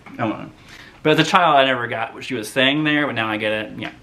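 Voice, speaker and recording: A man's voice: medium pitch, quick pace. Rambling, chatty man in his thirties. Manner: rambling, animated storyteller full of "like". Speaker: movie vlogger. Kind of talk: casual chat to camera.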